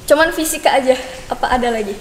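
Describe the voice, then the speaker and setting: High-voiced woman hosting a casual podcast. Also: quick pace. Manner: colloquial, echoing the guest's answers. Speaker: podcast interviewer. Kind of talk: casual interview chat. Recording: echoey reverberant room with background noise.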